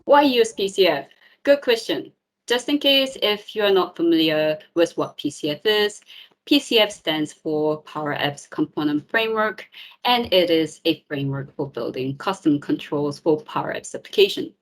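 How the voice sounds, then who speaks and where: A woman's voice: low voice, animated, normal speed. Upbeat woman presenting at an online meetup. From South Korea, raised in New Zealand. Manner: friendly, upbeat, with filler ums. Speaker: tech community speaker. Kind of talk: presentation talk.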